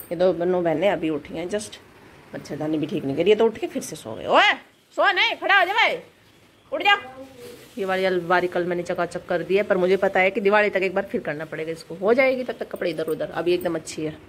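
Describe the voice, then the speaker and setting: Recorded at low quality with a little hiss or hum, this home vlog features a mother in her thirties talking fast as she narrates her day indoors for her viewers. She is chatty but breaks off to scold her kids in sharp, high calls.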